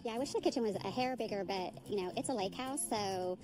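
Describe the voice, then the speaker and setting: A woman touring the house she just bought, gushing excitedly about it. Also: medium pitch, fast talker, over music. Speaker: home buyer. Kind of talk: casual chat.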